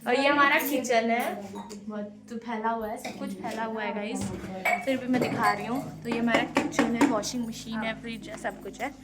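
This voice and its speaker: The recording is very noisy as a young woman with a fairly high pitch and steady tone speaks at normal speed. She gives viewers a casual, playful tour of a family house, both indoors and in the courtyard, with family members talking around her.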